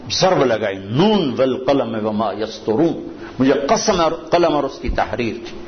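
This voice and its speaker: A male preacher delivers a storytelling sermon in a fairly high voice. He recites Arabic verses in a lower, slower tone. The recording sounds dull and lo-fi, with a faint hiss beneath.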